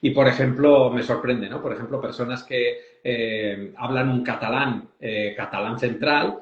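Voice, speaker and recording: A man's voice: mid-range voice, steady tone, a little slow, echoey room, muffled recording. A man psychologist thinking aloud with hesitant fillers in a casual live chat. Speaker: psychologist, co-host.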